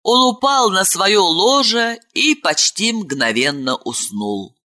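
A woman narrating an audiobook fantasy story with slow, expressive storytelling. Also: mid-range voice. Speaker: audiobook reader. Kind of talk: scripted narration.

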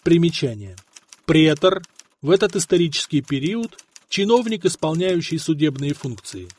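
A man's voice: fairly high pitch, expressive, a little mellow, husky. Man narrating a historical audiobook. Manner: measured storytelling reading. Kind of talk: scripted narration.

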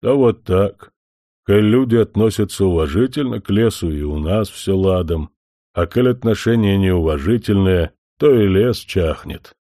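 A man voicing a young male forest spirit who speaks slowly and solemnly, a little louder than his narration. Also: sits low, no echo, clean studio sound. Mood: earnest. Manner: slow, deliberate, solemn.

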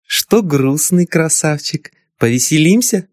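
A man voicing a tearful young woman who shrieks and pleads in a high, frantic voice. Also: animated, measured pace, no room sound, studio quality. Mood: coy.

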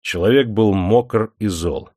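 A man narrating an audiobook in an expressive storytelling manner. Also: on the low side, takes it slowly, dry recording, studio quality. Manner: expressive storytelling with many voices. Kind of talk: scripted narration.

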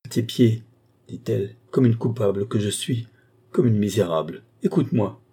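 A man's voice: lowish voice, normal speed, warm tone, slightly rough. A man voicing a desperate young governess who pleads in a broken, sobbing voice. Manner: pleading, breaking voice.

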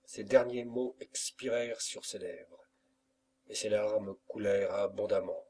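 A man narrating a classic novel as an audiobook reader, in a measured, unhurried way. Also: lowish voice, steady tone, dark tone, recorded from a distance.

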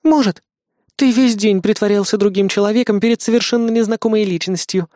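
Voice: medium pitch, brisk, mellow, no room sound, studio quality, voice pushed up, natural voice. A reader voicing a sarcastic female assistant. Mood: exasperated. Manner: scolding, mocking.

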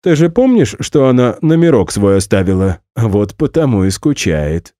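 Man doing a nosy, needling sidekick voice, pitched up. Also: sing-song, moderate pace, mellow, dry recording, clean studio sound, close to an everyday voice. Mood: teasing. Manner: teasing, nosy.

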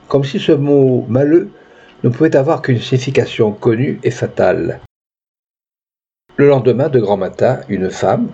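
A man reading a literary tale aloud in a measured, expressive way. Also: mid-range voice, breathy edge. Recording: dull lo-fi recording.

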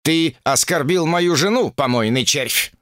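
A man voicing a proud, stubborn monkey king in an audiobook, speaking slowly and commandingly. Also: on the high side, a bit bright, no room sound, clean studio sound, voice pushed up. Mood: furious. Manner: slow, lofty, commanding.

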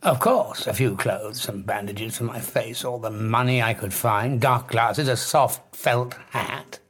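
An actor with a British accent playing a proud, haunted fugitive scientist, theatrical and formal, in an audio drama. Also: male voice, mid-range voice, unhurried, a bit bright, slightly rough. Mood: coolly defiant.

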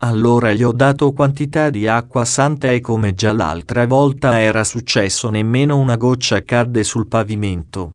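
A man reading a diary aloud in a solemn, measured way as an audiobook. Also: mid-range voice, dry recording, studio quality. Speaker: audiobook reader.

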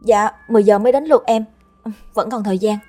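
Woman doing a shrill, high young student. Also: fast talker, warm tone, faint music behind, lightly acted. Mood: eager. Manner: high, shrill, sobbing pleas.

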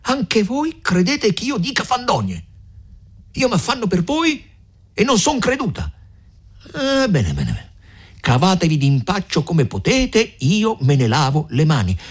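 A man's voice: high voice, measured pace, slightly rough, voice pushed up, full character voice. A man reading an audiobook, voicing a shrewd older peasant mother who scolds and insists. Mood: indignant. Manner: lively, insistent, raised voice.

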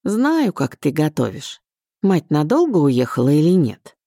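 A caring elderly aunt in an audiobook, talking low and fondly, as a woman reads her. The voice is mellow and dry, with plenty of lilt in the lines. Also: very animated, unhurried, dry recording, full character voice. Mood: fussing. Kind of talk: audiobook character voice.

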